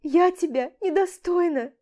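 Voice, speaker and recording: A woman voicing a hysterical young woman who screams, sobs and pleads in a shrill voice. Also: a little slow, dark tone, lo-fi sound. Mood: pleading, sobbing. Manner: shrill, pleading, shrieking to a squeal. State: crying.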